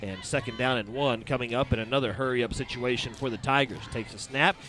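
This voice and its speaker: Recorded outdoors at a stadium, a male announcer calls a high school football game, brisk on each snap and working in sponsor reads. His intonation stays fairly even, and his voice is a bit bright.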